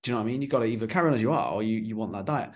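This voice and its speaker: Fast-talking blunt male podcast host. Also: lowish voice. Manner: blunt and animated, swears freely. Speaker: podcast host and fitness business coach. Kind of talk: casual podcast conversation.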